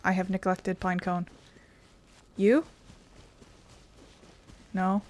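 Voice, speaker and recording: Over faint game music, a woman hosting a gaming video gives a let's play commentary that's casual, irreverent and full of swearing, half muttering to herself as she plays. Her voice sits fairly low, and she speaks very slowly with a flat delivery.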